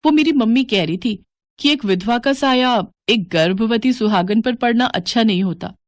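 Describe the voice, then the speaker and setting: A woman's voice: a little high, normal speed, dry recording, lightly acted. A woman voicing a young, pregnant, rich daughter-in-law who talks politely but dismissively.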